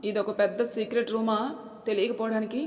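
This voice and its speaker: A woman's voice: mid-range voice, flat delivery, fast, a little mellow, lightly acted. A woman doing a cheeky teasing young wife. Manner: mischievous, teasing. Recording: echoey room with long reverb.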